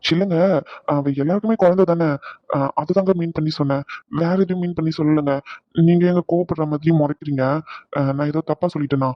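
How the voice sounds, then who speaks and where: A man's voice: fairly high pitch, steady tone, quick pace, pauses often, no echo, close to an everyday voice. A man voicing a talkative young man who lectures, gets defensive and keeps hesitating with "ah"s. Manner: chatty, defensive, lots of hesitant "ah"s. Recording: dull dry lo-fi.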